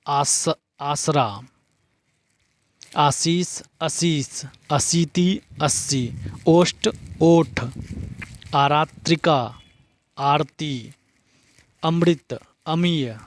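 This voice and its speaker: A man giving an exam-prep vocabulary lesson, reading out word pairs one by one in a steady drilling rhythm. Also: fairly high pitch, no room sound. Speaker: teacher.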